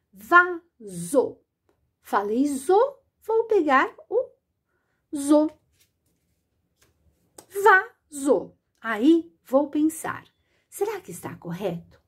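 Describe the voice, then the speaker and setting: Slow sing-song woman teaching phonics. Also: sits high. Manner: slow, drawn-out and sing-song, stretching words and sounds; patient and didactic, addressing the learner directly. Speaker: literacy teacher. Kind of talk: children's phonics lesson.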